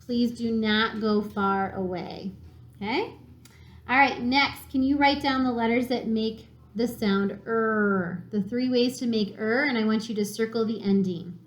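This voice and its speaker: A woman teacher giving a recorded phonics lesson to young children, sounding out letters slowly and encouragingly. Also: on the high side. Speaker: elementary school teacher. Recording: echoey room.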